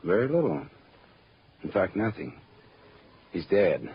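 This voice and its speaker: Philip Marlowe, deep-voiced hardboiled American detective. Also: male voice, sing-song, takes it slowly, heavily acted. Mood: terse, grim. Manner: terse, sardonic. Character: wry, hardboiled male private detective. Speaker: lead actor and narrator in radio detective drama. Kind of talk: 1940s radio acting, hardboiled narration. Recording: noisy, dull vintage radio recording.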